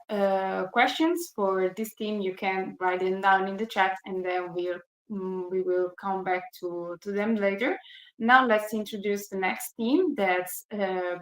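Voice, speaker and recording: A woman hosts an online panel through a video call. Her voice has a middling pitch and sounds roomy and echoey. She pauses often to search for the right words. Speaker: panel moderator. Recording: echoey room.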